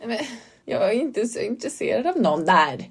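A woman co-hosting a podcast in casual chat, relaxed and agreeable with lots of quiet murmured replies. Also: mid-range voice, slightly rough. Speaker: podcast co-host. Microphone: podcast studio mic.

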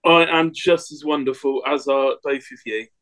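A man's voice: mid-range voice, steady tone, moderate pace, fairly bright tone. A man giving short, plain answers on a casual football podcast. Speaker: podcast co-host.

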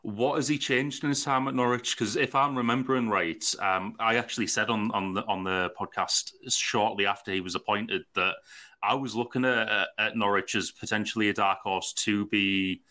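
A man's voice: on the low side, fairly even intonation, normal speed, bright, forceful tone. A man hosting a casual football interview, chatty and feeling his way through his questions. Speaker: podcast host.

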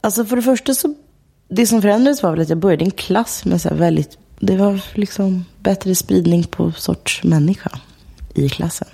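A woman telling stories of her childhood in a relaxed interview, chatty, laughing often and full of fillers. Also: mid-range voice, vocal fry, breathy edge. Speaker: guest. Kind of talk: casual interview chat.

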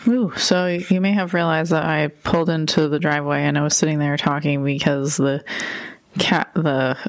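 A woman's voice: low-pitched, flat delivery, moderate pace. A woman giving a casual solo podcast monologue, informal and rambling as she thinks aloud. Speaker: podcast host.

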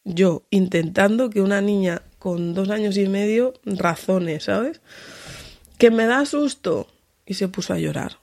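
A woman from tells a personal story as a podcast host. She narrates in an animated way and jumps to a higher voice whenever she acts out dialogue. Her voice sits at a middle pitch for a woman. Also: a little slow, vocal fry, hardly any pauses.

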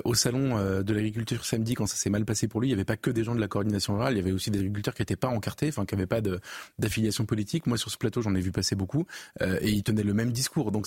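A man's voice: lowish voice, darkish tone, slightly rough, no echo, studio quality. A man on a TV debate panel, arguing critically about political reactions. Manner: critical, argumentative. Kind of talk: TV debate show.

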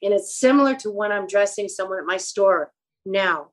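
A woman's voice: medium pitch, moderate pace, poor audio. A woman, a guest who acts and runs a clothing store, telling rambling anecdotes in a casual interview. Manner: animated, rambling anecdotes with quoted dialogue.

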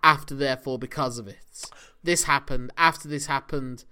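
A man's voice: medium pitch, steady tone, normal speed, sharp tone, clear, resonant tone. A man co-hosting a podcast, talking through wrestling matches in a chatty, analytical way with frequent laughs. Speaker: podcast co-host. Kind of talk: casual wrestling discussion.

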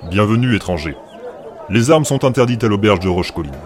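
A man's voice: on the low side, animated, brisk, soft background music, close to an everyday voice. A man voicing a huge, bald male inn bouncer who gives curt, commanding orders. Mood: stern.

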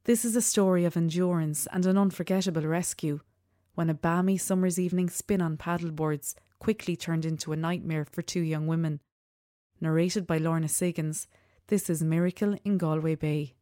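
Mellow woman announcer. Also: lowish voice, steady tone, normal speed, no room sound, clean studio sound. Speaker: programme announcer. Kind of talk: scripted introduction.

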